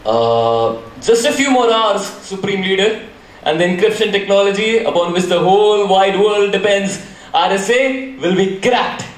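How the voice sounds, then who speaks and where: A man's voice: high-pitched, animated, unhurried. A man playing a guilt-torn young hacker. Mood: explaining. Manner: dramatic, self-questioning. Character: young male hacker, boastful then guilt-ridden. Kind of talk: school stage play. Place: large school hall. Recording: echoey hall from far off, faint noise.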